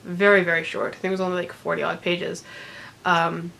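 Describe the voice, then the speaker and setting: A book vlogger talks through books she's read in a casual, unedited chat, congested and still recovering from illness, rambling with lots of ums and little laughs. Her voice sits on the low side with little pitch movement, moving a little fast, creaky and a bit bright. The recording is rough.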